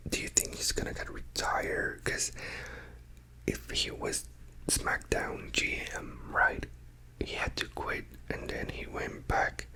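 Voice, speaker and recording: This is a hushed, quiet night-time whisper in a casual ASMR ramble. The delivery is slow, with a bright, sibilant edge to the breath. The speaker drifts loosely from thought to thought, often trailing off. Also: rough recording. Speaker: ASMR creator talking to followers.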